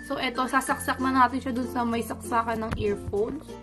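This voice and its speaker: A woman from the Philippines, chatting excitedly in a casual vlog, mixing English and Tagalog, on a cheap lapel mic by a window. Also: fairly high pitch, normal speed, music in the background. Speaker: vlogger. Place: indoors by a window. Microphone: cheap clip-on lapel mic.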